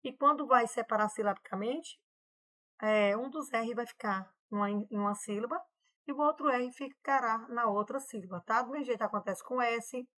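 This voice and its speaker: A patient woman teacher explains a lesson step by step, pointing at examples on her slides. Her voice sits a little high for a woman. She keeps checking in with her students as she goes. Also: normal speed, a bit bright.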